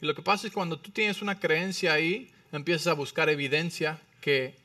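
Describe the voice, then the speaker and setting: A male pastor preaching a sermon, animated, swinging between loud emphatic phrases and quiet low ones, often checking in with the listeners. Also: fairly quick, recorded from a distance. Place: church.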